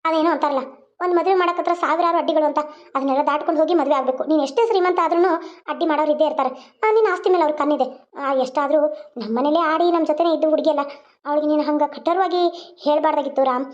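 A woman voicing a high, gentle elder sister. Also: quick pace, lo-fi sound, lightly acted. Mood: calm. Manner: gentle, pleading, chatty. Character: young woman doctor, caring elder sister. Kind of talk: homemade cartoon drama dialogue.

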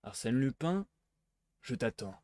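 A man's voice: mid-range voice, sing-song, measured pace, darkish tone, no room sound. Man reading an aging police inspector, skeptical and ironic, dry close recording. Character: gruff older police inspector, weary skeptic. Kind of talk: live reading of a novel aloud.

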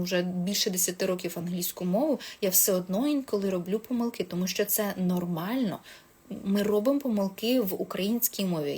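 A woman English teacher giving casual advice on speaking a foreign language, chatty, with many hesitations and self-corrections. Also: mid-range voice.

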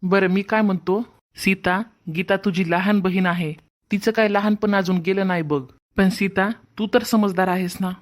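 A woman's voice: mid-range voice, fairly even intonation, moderate pace, lightly acted. A woman voicing an earnest, dutiful young husband and son in a cartoon family drama, lecturing his wife.

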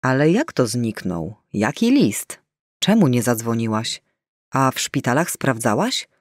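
A man's voice: mid-range voice, big pitch swings, no room sound. Audiobook role: anxious adult son on the line, voiced by a man, pressing and alarmed, dry close recording. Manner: urgent, alarmed, rapid questions. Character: worried adult son on the phone.

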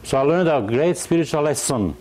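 Earnest older preacher from Yugoslavia. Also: male voice, on the high side, animated, a little fast, a little mellow, a little hiss or hum. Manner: earnest, searching for words with restarts and rising emphasis on scripture. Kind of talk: sermon.

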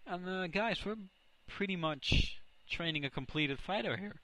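Commentating his own match in a relaxed let's play, this young man from the Netherlands speaks with a Dutch accent, gets excited, keeps correcting himself and loudly reacts to plays. His voice sits high, he takes his time, and the audio is poor.

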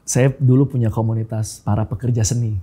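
A man's voice: mid-range voice, little pitch movement, fairly quick, warm tone, breathy edge. A man in his thirties from Makassar tells his personal testimony as a guest in a casual, informal way, often calling the host "bro" and mixing in English phrases. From Makassar, Indonesia.

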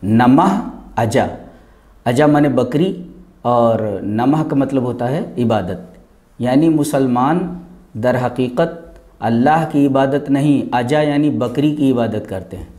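A male Islamic scholar giving an explanatory lecture, methodically breaking words into sounds step by step and chanting grammar rules slowly. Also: medium pitch, dark tone.

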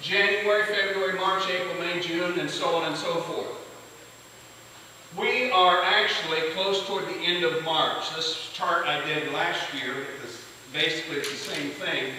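A man teaching a beekeeping class to a live audience in a lively lecture manner, often putting questions to the room. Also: a little high, unhurried. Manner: energetic, asks the audience questions. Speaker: beekeeping instructor. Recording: echoey hall from far off, hiss.

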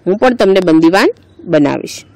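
A woman's voice: on the low side, expressive, moderate pace, warm tone, dry recording, low-quality recording. A woman teacher with a Gujarati accent teaching a lesson. She reads each line aloud, then explains it word by word. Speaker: school teacher.

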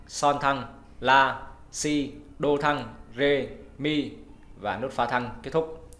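A man's voice: medium pitch, fairly bright tone, roomy sound. A man giving an online music theory lesson, explaining patiently and going through items step by step.

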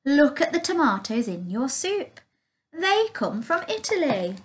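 A woman's voice: high-pitched, big pitch swings, a little slow, voice pushed up. A woman putting on a lilting, cheerful mum. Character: cheerful caring mother. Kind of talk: reading a picture book aloud.

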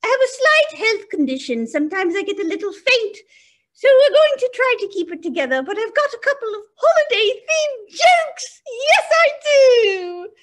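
A woman's voice: very high voice, very animated, normal speed. An actor playing a frail, flustered older English woman stand-up comic with an English accent, who quavers, sounds breathless and keeps giggling at her own jokes. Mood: dithering. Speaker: stand-up comedian. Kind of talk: comedy sketch character.

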